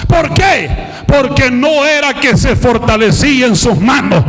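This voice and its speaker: A male pastor preaching a fiery sermon to a congregation, often shouting and calling for responses from the crowd. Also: very high-pitched. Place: church hall with congregation. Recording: long reverb of a large hall.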